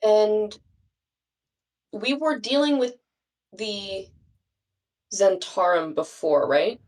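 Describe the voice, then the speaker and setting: A woman's voice: medium pitch, takes it slowly, a little mellow, far from the mic. A woman playing a tabletop game, unsure and apologetic as she checks the details. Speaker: player. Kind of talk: casual tabletop game talk.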